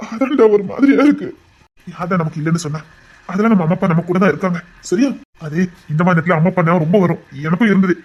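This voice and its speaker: An actor playing a gentle older brother who is a police officer, speaking with a Tirunelveli Tamil accent and consoling his siblings in a voice choked with emotion. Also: high voice, quick pace, dull audio. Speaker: actor in a TV serial. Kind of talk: TV serial acting.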